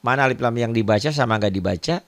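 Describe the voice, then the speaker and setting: A man with an Indonesian accent teaches beginners how to read the Quran, going over each point again and again in a patient way. His voice sits at a middle pitch, and it is recorded dry, close to the mic. He often stops to point at an example on the page. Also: fast, no echo. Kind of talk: online recitation lesson.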